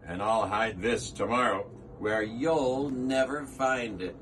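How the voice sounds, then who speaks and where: A man voicing a gruff, defiant eagle villain in a storybook, curt and boastful. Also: mid-range voice, slow pace, distant mic, background noise, lightly acted. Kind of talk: storybook character reading.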